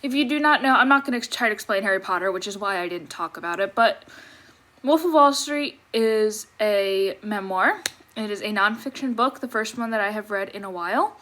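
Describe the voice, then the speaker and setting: A woman's voice: medium pitch, expressive, normal speed, fairly bright tone, a little hiss or hum. A young adult woman chatting casually as a book vlogger, interrupting herself with apologetic asides, her speech slightly off after wisdom teeth removal. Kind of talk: casual chat to viewers. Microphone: tablet microphone.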